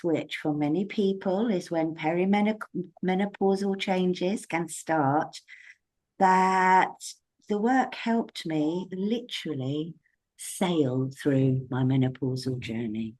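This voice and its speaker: Woman, 60s, therapist telling her own story, unhurried delivery, lowish voice, expressive. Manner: warm storytelling, expressive swings in pitch. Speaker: abdominal therapist and educator. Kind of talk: conversational interview.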